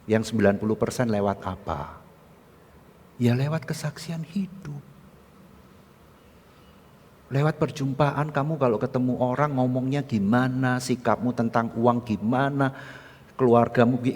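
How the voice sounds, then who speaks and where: A man pastor with an East Javanese accent preaching a storytelling sermon, often acting out dialogue with big jumps in pitch. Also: a little mellow. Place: church sanctuary. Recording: echoey church hall.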